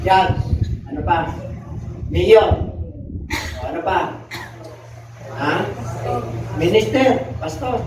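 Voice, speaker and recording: Filipino male pastor, high voice, preaching sermon, echoey far-off muffled church recording, noisy background. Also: expressive, extremely slow, long pauses. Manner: mixes Tagalog with English, asks the congregation questions. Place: church hall.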